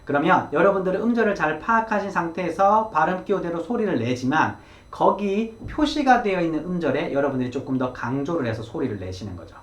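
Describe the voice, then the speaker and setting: Lively man teaching, echoey room. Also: fairly high pitch. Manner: lively, encouraging, models words aloud. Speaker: English pronunciation teacher. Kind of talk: explanatory lesson.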